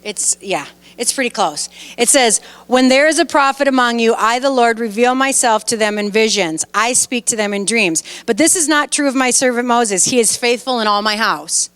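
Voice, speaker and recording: A woman pastor preaching a lively sermon, retelling scripture with animated storytelling and reading aloud while chatting with her listeners. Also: on the high side, moderate pace, few pauses, clear, resonant tone, big-room sound. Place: church sanctuary.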